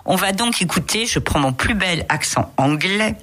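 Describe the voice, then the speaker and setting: This is a woman with a notably low voice presenting a radio book column. She recommends novels with warm enthusiasm, often stopping mid-sentence with hesitant filler sounds as she searches for words. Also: animated. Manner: hesitant, many filler pauses. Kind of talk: radio book review chat.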